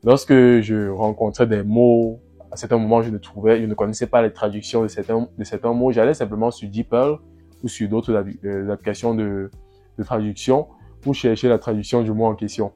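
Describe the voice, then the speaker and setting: Low, mellow-voiced man vlogging casually. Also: moderate pace, soft background music. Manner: relaxed, repetitive, with frequent restarts and "euh". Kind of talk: casual first-person vlog.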